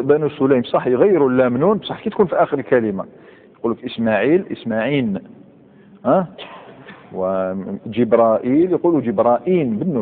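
A man with an Algerian Arabic accent gives a grammar class, firing questions at his students and slowly reciting verb forms one by one. His voice sits at an ordinary pitch. The recording is thin and phone-like, with a long, echoing tail from a large hall. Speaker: Islamic scholar teaching Arabic grammar. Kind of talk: classroom lecture. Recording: tinny, echoey hall recording.

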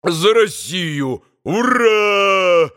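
A loud, impulsive young man full of drunken enthusiasm, as a male reader puts him on, bellowing toasts in a high, raised voice. He is boisterous and slow to pause, dragging his exclamations out. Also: lively intonation. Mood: exuberant.

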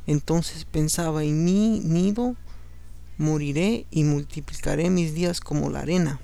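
This man hosts a podcast reading scripture aloud, sounding tired late at night; his voice is a little high, unhurried, gravelly and dark. Spanish is his first language and English his second, so English words slip into his conversational asides.

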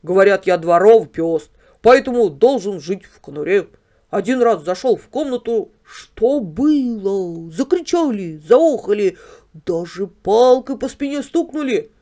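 A woman's voice: medium pitch, expressive, unhurried, dark tone, close to an everyday voice. Woman voicing a naive yard dog. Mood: complaining. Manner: wondering, puzzled questions. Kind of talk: storybook character voice.

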